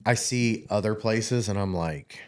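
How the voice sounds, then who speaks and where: A podcast host from Kansas, USA, runs a trades show and chats loosely in a casual interview, rambling and dropping jokey asides. His voice is on the low side, darkish in tone, and a little slow.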